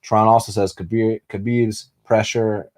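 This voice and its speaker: Reading and responding to viewer comments on his casual live stream, a young host swears freely and keeps stumbling through fillers and restarts. Raised in the United States, he spoke Spanish first, and his lowish voice is flat and a little slow.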